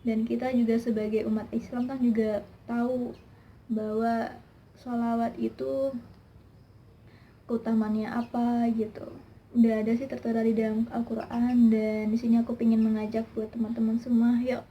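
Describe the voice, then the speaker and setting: Young woman, vlogger, chatty, emotional, slightly high voice, dull lo-fi audio. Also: level tone, normal speed, pauses often. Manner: chatty and emotional, many fillers. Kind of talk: personal testimony vlog. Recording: slightly dull lo-fi sound with faint background hiss.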